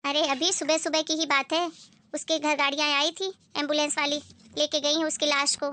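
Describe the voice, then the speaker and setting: A meddlesome neighbor woman, played by a woman, who gossips in a breathless busybody way. Her voice is very high and the sound is close and dry. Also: little pitch movement, a little fast, bright, forceful tone, no room sound. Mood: gossiping.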